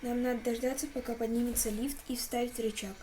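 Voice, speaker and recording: A woman's voice: a little high, fairly even intonation, brisk, mellow. A woman hosting a gaming video, giving casual commentary and muttering as she thinks aloud. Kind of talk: casual horror game commentary. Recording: clearly noisy recording with game ambience.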